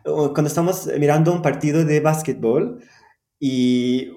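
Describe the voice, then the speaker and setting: A man's voice: on the high side, measured pace, mellow, reverberant. A man whose first language is Arabic, speaking Spanish as a guest teacher, hesitant with many fillers and frequent laughs. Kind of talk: conversational interview.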